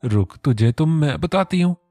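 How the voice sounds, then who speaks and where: A man putting on a feisty young woman with a short fuse, pitched high above his own voice. She scolds and sulks in turn, with a close, dry audiobook sound. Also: expressive, moderate pace, mellow, no room sound. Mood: fiery. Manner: scolding, sulky. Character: feisty young woman, quick-tempered best friend.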